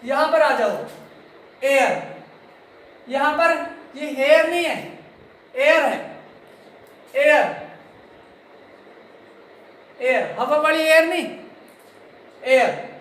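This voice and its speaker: High-voiced male teacher in an echoey room. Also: animated, a bit bright. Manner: repeats words slowly, addresses students directly. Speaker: English grammar teacher. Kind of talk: classroom lesson explaining to students.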